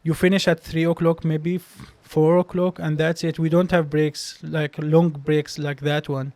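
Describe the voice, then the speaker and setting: A young doctor whose first language is Arabic speaks with a Palestinian accent as a podcast guest, telling stories in a casual interview. His voice is fairly high, flat and darkish, unhurried and recorded dry, and he hesitates with many restarts.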